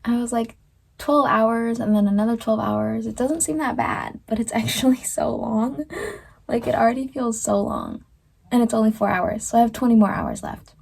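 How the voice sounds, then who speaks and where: A woman's voice: fairly high pitch, very animated, normal speed, creaky, darkish tone, husky. A young woman casually vlogging about books, tired and chatty, with lots of filler words. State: tired, yawning. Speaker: book vlogger. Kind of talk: casual vlog to camera.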